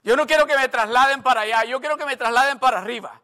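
A man's voice: extremely high pitch, fast, bright, forceful tone. An older man preaching a sermon, emphatic and repetitive, asking the congregation questions and telling stories from his own life. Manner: storytelling asides.

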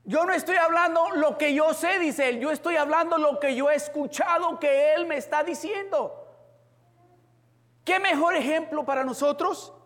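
A man's voice: extremely high pitch, a bit bright, in a large hall. A man preaching a sermon as pastor, stressing key words and acting out the people he quotes. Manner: preaching with rising emphasis, acts out quoted people.

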